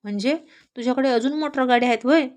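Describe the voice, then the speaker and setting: A woman's voice: high voice, fast talker, darkish tone, pitched above the performer's own voice, close to an everyday voice. A woman voicing a bold, talkative young village woman who teases and chatters. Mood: complaining.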